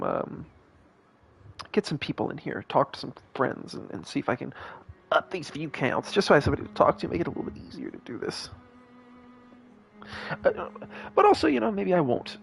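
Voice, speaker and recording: A man's voice: mid-range voice, gravelly, breathy edge. A tired young man streaming a game, rambling in casual commentary with many fillers, restarts and swearing. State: tired, yawning. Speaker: gaming streamer. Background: game music underneath.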